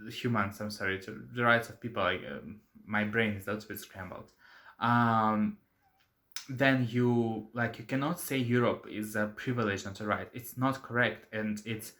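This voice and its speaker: A man's voice: lowish voice, fairly even intonation, moderate pace, fairly bright tone. A man hosting his own channel, giving his opinion in a casual, hesitant vlog with many fillers. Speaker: channel host.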